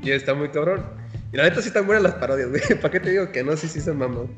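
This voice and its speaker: A man's voice: a little high, lively intonation, racing, fairly bright tone, faint music behind. A young man with a Guadalajara Mexican accent, co-hosting a podcast in casual, profane chat and laughing often as he talks. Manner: slangy, profane, laughs often while talking. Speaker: podcast co-host.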